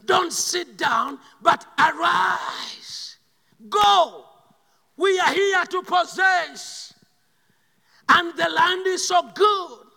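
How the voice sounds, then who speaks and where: High, bright Ugandan preacher in a reverberant hall. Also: male voice, gravelly. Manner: swings between loud shouted bursts and quiet slow asides. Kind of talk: sermon.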